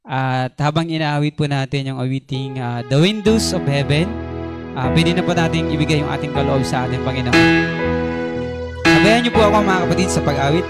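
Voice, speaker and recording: A man with a Filipino accent leading a church service, gentle and hesitant with many fillers. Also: a little high, brisk, loud music behind the voice. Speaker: worship service leader. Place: church hall.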